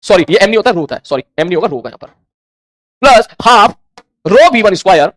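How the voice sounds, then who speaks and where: Give me a man teaching a physics class, quick and lively, playing out his students' questions. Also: high-pitched, no echo. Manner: animated, acts out student questions in dialogue; mixes Hindi with English terms. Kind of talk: classroom lecture.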